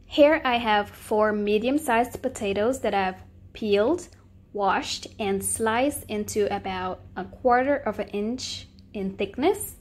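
A woman's voice: mid-range voice, takes it slowly, darkish tone. A woman hosting a cooking channel, giving friendly step-by-step recipe instructions in a voice-over.

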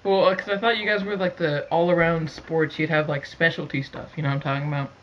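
A man making a prank call over the phone, chatting casually in a halting, repetitive way. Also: a little high, steady tone, a little hiss or hum. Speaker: prank caller. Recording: dull lo-fi phone call recording.

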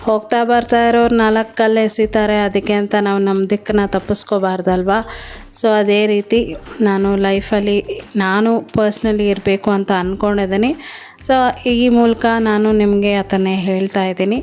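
A woman's voice: mid-range voice, level tone, moderate pace, a little mellow, clean tone. A woman with a Kannada accent from Karnataka, casually talking through a home recipe step by step as a cooking vlogger. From Karnataka, India. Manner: chatty step-by-step explaining.

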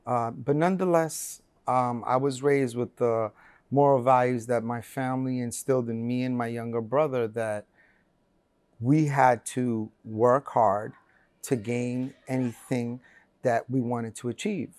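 A Colombian man in his forties, appearing as an interview guest, recounts his life story earnestly, with lots of fillers and restarts. His medium-pitched voice is steady, a little slow, and darkish. The lapel-mic recording is dry, made in a bright room with large windows.

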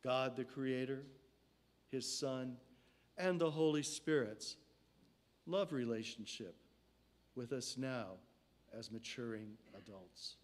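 Older guy giving a sunday sermon in church, slow careful phrases that trail off, lectern mic. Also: medium pitch. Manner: slow measured delivery, phrases falling off at line ends. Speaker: preacher. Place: church sanctuary. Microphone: stand mic at a lectern.

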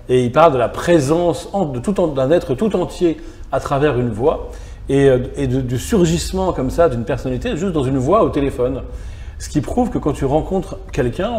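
A middle-aged man with a fairly high-pitched, warm voice appears as a philosopher guest in a reflective interview. Speaking in a small gallery salon, he muses aloud, building thoughts in long sentences.

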